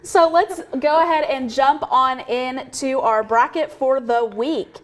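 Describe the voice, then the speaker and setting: A woman's voice: high-pitched, slow pace. A young woman hosting a casual college talk show, chatty, giggly and openly sentimental. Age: young adult. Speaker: host.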